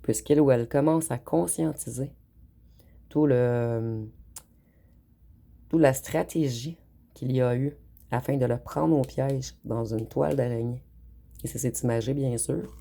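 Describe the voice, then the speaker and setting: Lady doing a tarot reading, gravelly and mellow, calm and slow, talks right at you. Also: extremely low pitch. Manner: calm, unhurried, addresses the viewer directly. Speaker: tarot reader. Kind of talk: tarot card reading to camera.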